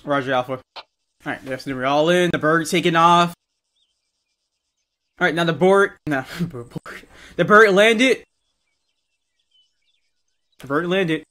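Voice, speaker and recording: A man's voice: on the high side, takes it slowly, long pauses, bright, forceful tone. A man instructing trainees in a military roleplay game, directing and correcting them as he briefs. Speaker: military-sim drill instructor.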